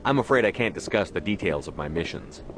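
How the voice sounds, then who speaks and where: A man's voice: deep voice, expressive, fast, a bit bright, a little hiss or hum. A man playing a blunt, authoritative military commander in a video game. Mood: guarded, formal. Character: blunt, authoritative human military commander, hard-edged hero. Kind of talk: video game drama acting.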